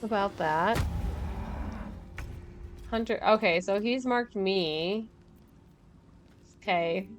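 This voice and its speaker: A woman's voice: mid-range voice, extremely slow, long pauses, soft background music. A woman streaming a game, chatting casually and thinking aloud while she plays, with frequent laughs. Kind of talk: casual gameplay commentary.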